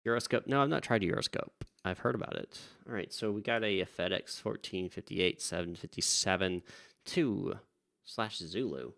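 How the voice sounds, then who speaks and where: On a live stream, a man acting as a virtual air traffic controller chats casually, gets easily distracted, and trails off mid-thought before switching to polite radio calls to pilots. His voice is deep, creaky, and a bit bright, at normal speed.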